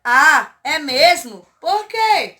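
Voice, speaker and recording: A woman reading aloud the lines of a schoolgirl who missed a party because she was ill, in a slow exercise-reading manner. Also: high-pitched, very animated, pushed and bright, full character voice. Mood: plain. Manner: read aloud slowly from an exercise.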